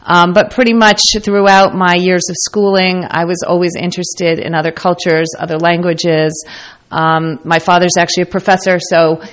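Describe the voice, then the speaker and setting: An American woman from the United States, a company founder, talks conversationally as a guest on a radio interview. Her voice sits fairly low, with little pitch movement, at a normal speed.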